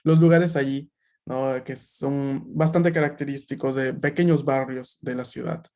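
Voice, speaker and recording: A man with a medium-pitched, darkish voice teaches a beginners' Japanese class over a video call, speaking at a measured pace in a steady tone. He explains patiently and checks in often with questions and filler checks.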